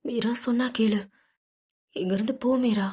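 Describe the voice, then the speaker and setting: A woman's voice: on the high side, steady tone, normal speed, a little mellow, breathy edge. Woman doing a wounded brother urging his sister. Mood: urgent. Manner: strained, urging. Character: badly wounded young man, protective brother.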